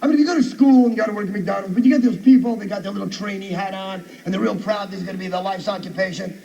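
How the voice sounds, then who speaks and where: A man's voice: sits high, fairly even intonation, racing, gravelly, mellow, muffled recording. A male stand-up comedian delivering an abrasive, sarcastic rant on stage at a university comedy show. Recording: distant noisy live radio recording.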